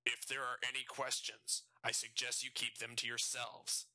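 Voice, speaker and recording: A man voicing a stern, threatening male prison guard with a raspy voice, giving cold, clipped orders in an audiobook reading. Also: mid-range voice, level tone, moderate pace, bright, forceful tone, dry recording, rough recording. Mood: menacing.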